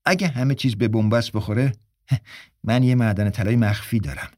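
A man's voice: medium pitch, darkish tone, no room sound, lightly acted. A cocky, wisecracking editor, played by a man, tosses off lines in a breezy, joking way. The sound is close and dry, like a studio radio play. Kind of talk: radio drama acting.

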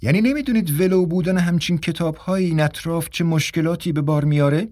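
A woman's voice: on the low side, mellow, voice pushed up, lightly acted. A male narrator voicing a prim, prudish older woman who lectures and disapproves in a raised, reproachful tone.

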